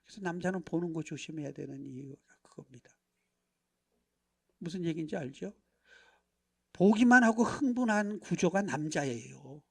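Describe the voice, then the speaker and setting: A middle-aged man leads a lively seminar from a church pulpit. He keeps checking in with the congregation and acts out everyday dialogues. His volume swings from hushed asides to loud, emphatic bursts. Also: fairly high pitch, moderate pace, gravelly, pauses often, breathy edge. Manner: animated, acts out dialogues, constant rhetorical check-ins. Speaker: pastor. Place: church sanctuary.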